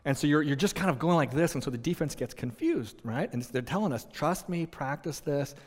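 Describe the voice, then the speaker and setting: A pastor telling stories in a conversational sermon, with many restarts and an animated delivery. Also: male voice, fairly high pitch, fast talker. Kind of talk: sermon with storytelling. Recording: long reverb in a large hall.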